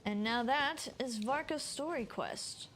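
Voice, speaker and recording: A game streamer chats informally during a livestream, rambling as she thinks aloud. Her high, slightly bright voice keeps a measured pace, with slight background noise.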